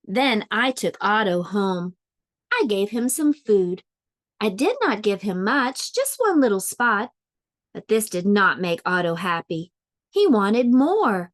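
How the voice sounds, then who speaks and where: A woman reads aloud from a children's storybook in a sing-song, medium-pitched voice, sounding like a preschool teacher and stretching out words for dramatic effect.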